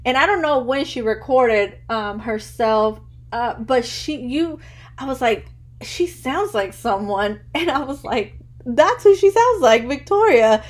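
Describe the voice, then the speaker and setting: A woman in her early thirties hosts a relaxed podcast conversation. Her voice sits quite high, and she rambles, restarts and leans on "like" constantly. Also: unhurried. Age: 30s. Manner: chatty, rambling, says "like" constantly. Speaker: podcast host. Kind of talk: casual interview chat.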